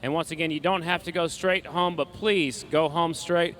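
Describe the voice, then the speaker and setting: A man's voice: on the high side, steady tone, normal speed, fairly bright tone. A man working as a race announcer, reading out standings and notices to fans over the public address. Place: outdoor racetrack public address.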